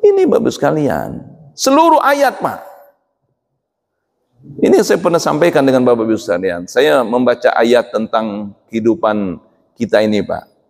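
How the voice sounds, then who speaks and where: A man's voice: mid-range voice, normal speed, gravelly, pauses often. A middle-aged man preaching a sermon to a congregation, often asking them questions. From Indonesia. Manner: lively, asks the congregation questions. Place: mosque hall. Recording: long hall reverb.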